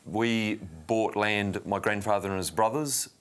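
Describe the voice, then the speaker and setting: A man with a New Zealand accent, an interview guest explaining and storytelling conversationally in halting, unhurried short phrases. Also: fairly low pitch, steady tone, clean tone. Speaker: winery general manager, interview guest.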